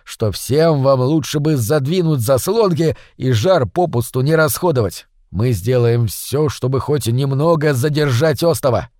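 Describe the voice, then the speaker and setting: A man voicing a small, brave, bossy leader of a band of brothers, talking in a slow, commanding tone. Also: medium pitch, animated, darkish tone, no room sound, clean studio sound, close to an everyday voice.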